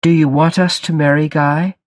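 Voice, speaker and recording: A man voicing a soft-spoken young woman, a worried bride, in a read-aloud story. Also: fairly high pitch, fairly even intonation, normal speed, no room sound, studio quality, voice pushed up, natural voice. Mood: tender.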